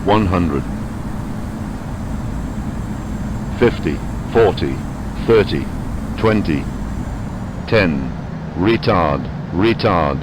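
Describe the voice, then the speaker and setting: A man voicing an automated cockpit warning system, giving clipped, flat altitude callouts. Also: sits high, normal speed, few pauses. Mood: impassive warning. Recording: clear background noise.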